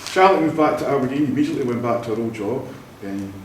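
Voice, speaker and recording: Fast and lively in intonation, this medium-pitched Scottish man is a celebrant giving a vow renewal speech packed with family anecdotes. He's jovial and laughs often. It's recorded in an echoey church hall with a distant mic and a little hiss or hum.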